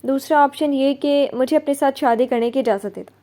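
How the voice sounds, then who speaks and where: A brash, playful young man who will not take no for an answer, read by a woman narrating a novel. The voice sits a touch high and warm. His words come teasing and stubborn. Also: a little fast, lightly acted. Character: bold, teasing, confident young man in love. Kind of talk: novel reading.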